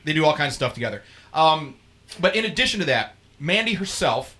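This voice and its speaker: A man's voice: on the high side, very animated, a little fast, sharp tone. A man hosting a podcast, introducing the guests with laughing, joking banter. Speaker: host.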